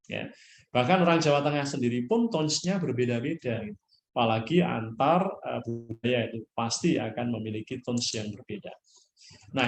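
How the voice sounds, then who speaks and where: A man's voice: mid-range voice, a little hiss or hum. A male nursing lecturer giving a university lecture, ending phrases with "ya" and slipping English terms in. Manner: frequent "ya" tag questions, mixes English terms. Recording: roomy echo.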